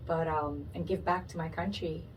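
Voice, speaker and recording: A Pakistan-born woman talks as a podcast guest, lively and playful, breaking into laughs. Her voice sits on the low side. The mic is a little far off with faint noise behind. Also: normal speed. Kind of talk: casual interview chat. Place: podcast studio.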